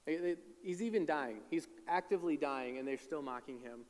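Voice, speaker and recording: A man's voice: fairly high pitch, fairly quick. A man preaching a sermon as pastor, retelling scripture in a conversational way and voicing the crowd's lines. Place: church sanctuary. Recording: long hall reverb.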